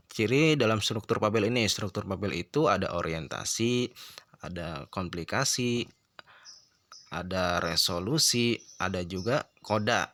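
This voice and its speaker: A male teacher giving a recorded lesson, explaining step by step and often checking in with a quick "ya". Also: on the low side, bright, forceful tone.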